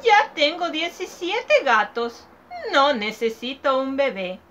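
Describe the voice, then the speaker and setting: A fussy, squeamish old woman from a children's storybook, put on by a woman reading aloud. She squeals her lines in a high, bright voice that swings wildly up and down. A faint hum of room noise sits underneath. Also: very animated, slow, lo-fi sound, exaggerated voice. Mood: disgusted. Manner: shrill, squealing exclamations.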